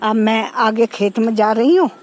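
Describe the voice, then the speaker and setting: A woman's slightly high, darkish voice, at normal speed, carries this casual walking-tour vlog as she strolls her farm and points things out to viewers. She's a village vlogger recording on a phone outside, so the sound is low quality with faint outdoor noise in the background.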